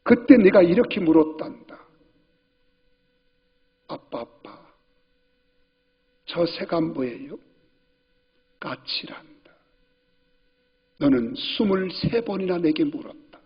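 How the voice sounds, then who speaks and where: A man voicing a gentle, loving old father of eighty-three, soft and half-whispered, in a reverberant church hall with dull sound. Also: a little high, animated, slow, long pauses, breathy edge, full character voice. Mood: tender.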